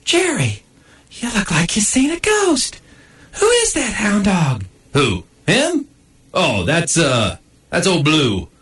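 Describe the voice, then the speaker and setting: A man's voice: sits high, wildly swooping pitch, slow, fairly bright tone, heavily acted. A man voicing a prissy, flirty female dog who talks coyly and giggles. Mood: suspicious. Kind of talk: comic voice acting.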